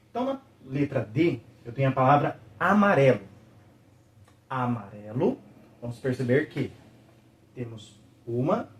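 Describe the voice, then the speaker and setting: A man teaching a video lesson, patiently checking in with the viewer and slowly sounding out each syllable. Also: mid-range voice, slight background noise.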